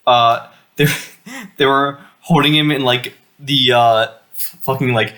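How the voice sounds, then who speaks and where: A man's voice: mid-range voice, steady tone, measured pace, pushed and bright. A young man co-hosting a casual movie podcast, giggling and full of fillers. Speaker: podcast co-host.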